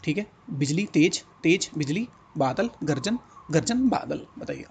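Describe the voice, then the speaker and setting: A man's voice: fairly high pitch, lively intonation, unhurried, slight background noise. A man teaching a Hindi exam-prep lesson, repeating words and coaxing students to think and answer. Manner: repetitive, coaxing questions to students.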